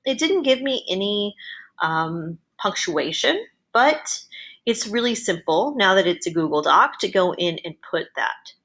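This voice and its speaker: A woman narrating an explanatory software tutorial as an educator. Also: mid-range voice, animated, a little slow.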